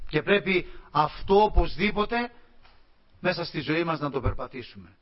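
Man, preacher, fervent sermon, slow emphatic repeats, fairly high voice, muffled lo-fi recording. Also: expressive. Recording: dull lo-fi recording.

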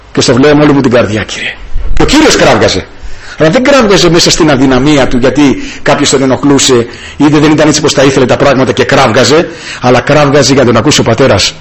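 A man's voice: slight background noise, low-quality recording. A man preaching a sermon with passion, breaking into hallelujahs. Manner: impassioned, rising and falling pitch, many hallelujahs.

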